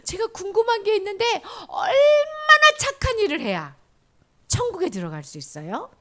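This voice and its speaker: A woman's voice: very animated, normal speed, fairly bright tone, full character voice. A woman voicing an eager young man who pleads with a question in a children's Bible story. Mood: pleading. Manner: high, pleading.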